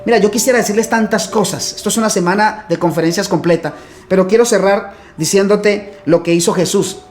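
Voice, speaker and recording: A man's voice: sits high, fairly quick, faint music behind. A man preaching a fervent motivational sermon straight to the viewer.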